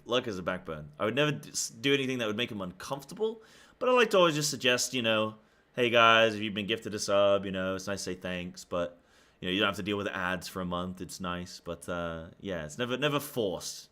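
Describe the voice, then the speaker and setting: A man's voice: lowish voice, bright, forceful tone. A man streaming live, chatting casually with viewers in a rambling, slangy way and repeating his phrases. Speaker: live streamer and esports caster. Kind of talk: casual livestream chat with viewers.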